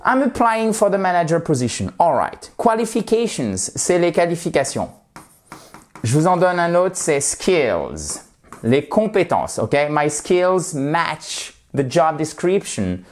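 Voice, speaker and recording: A man's voice: a little high, big pitch swings. Chatty man teaching a video lesson. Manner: chatty and friendly, with playful asides; slows down and stresses words to show how they are said. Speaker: language teacher.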